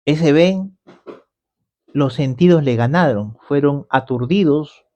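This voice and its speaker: A man's voice: a little high, takes it slowly, dark tone. A man teaching scripture on a radio program in a conversational way, explaining step by step and often checking in with his listeners. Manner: explanatory, often adds the tag question "¿no?". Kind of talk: conversational Bible commentary.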